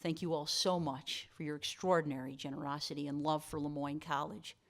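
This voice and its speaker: A low-pitched woman hosts an awards dinner with a formal speech. She honors the guests and slips in playful jokes for the audience. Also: fairly even intonation, brisk, slight background noise. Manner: warm, playful asides to the audience. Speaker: college president giving dinner remarks.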